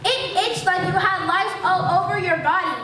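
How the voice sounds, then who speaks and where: A young woman narrating a school stage play in an expressive, wry storytelling manner. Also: very high voice, moderate pace. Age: young adult. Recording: echoey auditorium from far off.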